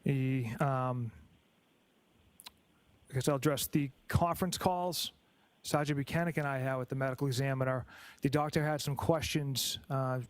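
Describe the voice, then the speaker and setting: A police trooper testifying in court, explaining hesitantly with many fillers. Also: male voice, medium pitch, steady tone, normal speed, clear, resonant tone, no room sound.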